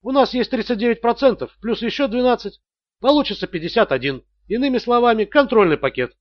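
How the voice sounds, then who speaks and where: Pitched well above his own voice to an extremely high register, a man voices a mocking male extortionist in an audiobook thriller. Animated and a little fast, the character is coolly menacing and sneering, breaking into screams, though the recording sounds muffled.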